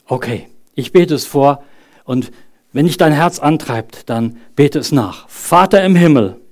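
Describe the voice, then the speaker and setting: Man, 30s, preacher, sermon, earnest, conversational, rhetorical questions, slightly high pitch. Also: lively intonation, unhurried. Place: church service.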